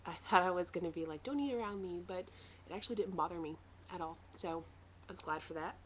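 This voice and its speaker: Lower-voiced woman in a noisy, rambling video diary. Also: fairly even intonation, fast. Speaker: vlogger sharing a weight-loss surgery recovery diary. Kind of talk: casual personal video diary. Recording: noisy home video recording.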